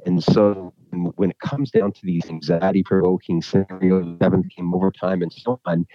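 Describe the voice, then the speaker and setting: Brief: male guest expert, very deep voice, hesitant, dull dry recording. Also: level tone, moderate pace, dry recording. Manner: thoughtful, hesitant, many restarts. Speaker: podcast guest, neuropsychologist. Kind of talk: conversational interview.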